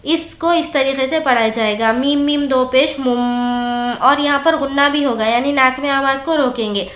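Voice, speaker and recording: A woman teaching tajweed, explaining each rule plainly and then reciting the words slowly and drawn out. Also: sits high, a bit bright, echoey room. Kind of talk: slow word-by-word recitation lesson.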